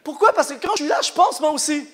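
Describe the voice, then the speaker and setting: High-voiced passionate preacher. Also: male voice, animated, fast talker. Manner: passionate, shouts for emphasis, jokes with the crowd. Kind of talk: live church sermon.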